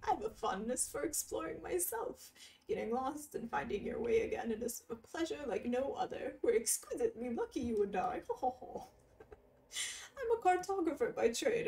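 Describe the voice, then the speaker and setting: Female streamer voicing a nerdy male bug mapmaker in a game, high and chipper, distant mic. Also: sing-song, normal speed, a little mellow.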